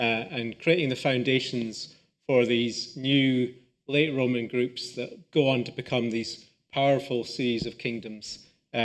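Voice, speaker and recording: Man, Scottish accent, archaeology professor, public lecture, relaxed, filler-heavy, restarts. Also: medium pitch. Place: lecture hall.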